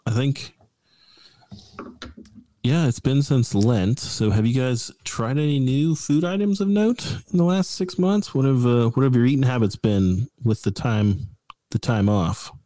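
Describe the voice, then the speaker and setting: A man's voice: medium pitch, lively intonation, warm tone, no room sound. A man hosting a comedy podcast, joking through casual chat and stretching out his announcements. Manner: jokey, drawn-out spooky emcee delivery. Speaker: podcast host.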